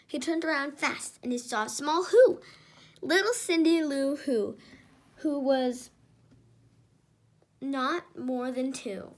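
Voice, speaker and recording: High-pitched woman reading a storybook. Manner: expressive, chatty, reacting to the pictures. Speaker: storyteller reading a picture book aloud. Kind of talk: children's read-aloud with casual asides.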